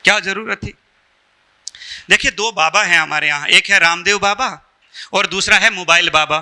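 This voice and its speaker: A man's voice: high voice, moderate pace, sharp tone. A man with an Indian accent giving a motivational talk to an audience, telling jokes and asking questions. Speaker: spiritual speaker.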